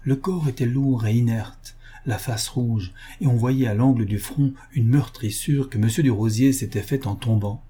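Male narrator, steady, dark husky voice. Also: medium pitch, normal speed. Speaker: audiobook narrator. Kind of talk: scripted narration.

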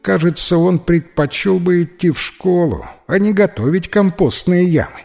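A man's voice: sits high, normal speed, creaky, darkish tone, faint music behind, voice pushed up. A man voicing a bespectacled, dignified know-it-all schoolboy in a children's storybook. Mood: prim. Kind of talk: storybook character voice.

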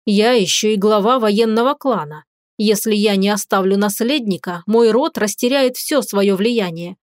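A stern dragon lord and husband, as a woman reader puts him on, lecturing in slow, weighty, commanding tones. Clean, dry audiobook sound with no room around the voice. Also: medium pitch, dry recording, natural voice.

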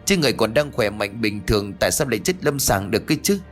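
A man's voice: medium pitch, lively intonation, a little fast, soft background music, voice pushed up, lightly acted. A man voicing a distraught young man who cries out in a raised, pleading voice in a ghost story.

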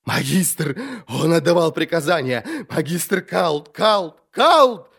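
A man's voice: expressive, slow pace, vocal fry, a bit bright, full character voice. A man voicing a terrified middle-aged male silk merchant under interrogation, babbling and repeating himself. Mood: frantic. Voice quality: trembling voice. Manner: shrill, frantic, repeating himself.

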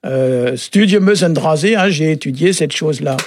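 A man explaining word meanings on a radio show in a relaxed, halting way, often pausing with filler sounds. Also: a little high, a little hiss or hum. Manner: halting, often adds "hein" and "euh". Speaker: Breton language expert on a radio show.

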